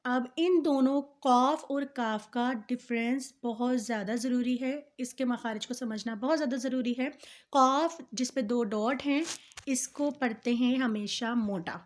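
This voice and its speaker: A female Quran teacher with a fairly high voice patiently teaches letter sounds. Between explanations she recites each letter slowly and drawn out, and she repeats every point.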